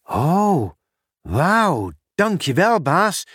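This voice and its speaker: A cheerful, dutiful postman, as a male storyteller puts him on, eager and friendly, with a lively, bouncing voice. He talks slowly, in a dry, close recording. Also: fairly high pitch, husky, no echo, pitched above the performer's own voice, heavily acted.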